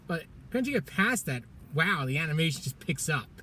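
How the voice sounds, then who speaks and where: A man's voice: a little high, big pitch swings, brisk, bright, forceful tone, a little hiss or hum. A man giving a casual film review in a parking garage, chatting loosely, laughing often and stumbling over his words. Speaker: movie reviewer.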